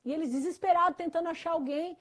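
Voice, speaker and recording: A woman's voice: very high-pitched, fast talker. A woman pastor with a Brazilian Portuguese accent, telling an earnest personal story in an interview, with many fillers. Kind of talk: testimony in a church interview.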